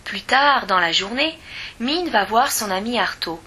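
Woman storyteller reading a children's story, slow, bright, expressive. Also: fairly high pitch, slightly rough.

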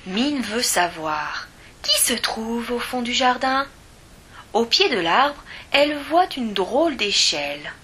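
A woman reading a children's story aloud in a gentle, expressive way. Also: a little high, takes it slowly, background noise.

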